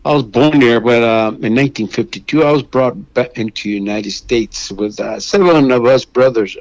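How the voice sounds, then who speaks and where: An older man from Mexico speaks as a guest on a radio show. He talks haltingly and keeps restarting his sentences. His voice sounds dry and close. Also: mid-range voice, no room sound, lo-fi sound. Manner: halting, with many restarts and fillers. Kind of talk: phone interview.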